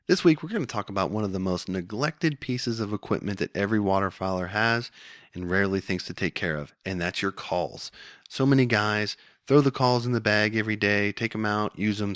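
A man's voice: lowish voice, brisk, a bit bright, dry recording, clean studio sound. A man co-hosting a podcast, giving casual, folksy instructional talk in plain-spoken words. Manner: folksy, plain-spoken, addresses listeners as guys. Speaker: co-host of a hunting tips podcast.

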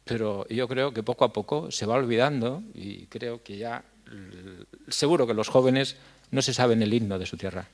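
An older man addresses a hall from a lectern. His speech is earnest and halting, broken by frequent fillers as he hunts for words. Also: mid-range voice, creaky. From La Mancha, Spain. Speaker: foundation head giving a talk. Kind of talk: conference speech. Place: dark stage in a hall. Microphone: stand mic at a lectern.

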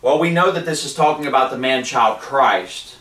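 A man in his forties, working as a street preacher, speaks at medium pitch and a moderate pace with a slightly bright tone. He preaches fervently and reads scripture in a living room lined with wood paneling, and the far-off camera recording sounds roomy.

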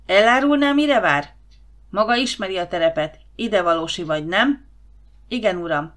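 A woman voicing an irritable older male boss who is near retirement and barks orders loudly at a guard. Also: on the low side, animated. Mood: irritable shouting. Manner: loud, impatient, barking orders.

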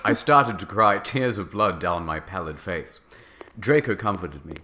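Guy w a low voice reading fanfic totally deadpan, dead serious about silly stuff. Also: unhurried, a little hiss or hum. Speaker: narrator reading fan fiction aloud.

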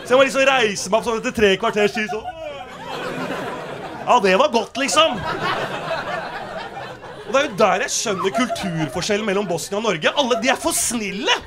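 A male stand-up comedian on a theater stage, telling a story in a brash, animated way with plenty of swearing. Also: high-pitched, pauses often, crowd noise. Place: theater stage before a live audience.

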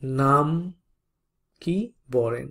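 Tutorial instructor with a gravelly, unhurried delivery who spells out code word by word. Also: mid-range voice, fairly bright tone. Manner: explains step by step, often checks in with "okay?". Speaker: programming instructor. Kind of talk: coding tutorial lecture.

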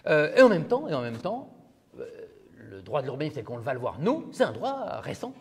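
Lively male law professor in a lecture hall. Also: a little high, normal speed, husky. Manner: conversational, asks the class questions. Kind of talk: university lecture.

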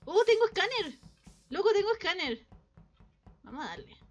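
A woman's voice: very high voice, sing-song, normal speed, lo-fi sound. A woman streaming a game, exclaiming dramatically and playing along with mock radio talk. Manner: dramatic, exclaiming, playful radio-talk ending lines with "over". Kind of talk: casual gaming chat.

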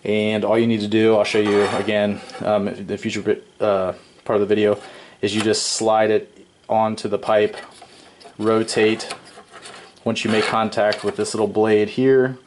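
Working at a wooden workbench in an indoor workshop, a lowish-voiced man talks through a home plumbing repair step by step, with slight background noise. This DIY home repair presenter keeps his tutorial casual and explanatory, often saying "um" and correcting himself.

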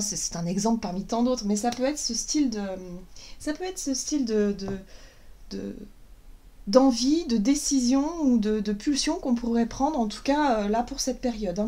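A woman with a fairly high, mellow voice gives a relaxed card-reading guidance talk. She speaks gently and encouragingly, often pausing on fillers and restarting her phrases. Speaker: tarot and oracle card reader. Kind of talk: casual spiritual guidance talk.

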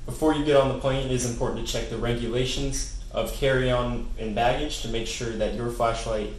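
A young man presenting a product explainer for his company, reading a script in an even, steady way from a desk. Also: mid-range voice, fairly quick. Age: young adult. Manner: even, read-from-script delivery. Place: office room with desk. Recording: very echoey room, faint hiss.

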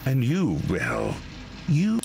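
An actor playing a suave, sinister recruiter who speaks in an oily, theatrical, condescending way. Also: male voice, medium pitch, huge pitch swings, extremely slow, creaky, a little mellow, soft background music, full character voice. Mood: silky menace.

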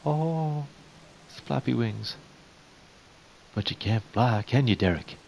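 A young man giving casual game commentary, chatting to the animals in the game and getting jumpy and excitable. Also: on the low side, measured pace, vocal fry. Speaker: gaming YouTuber. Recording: faint hiss.

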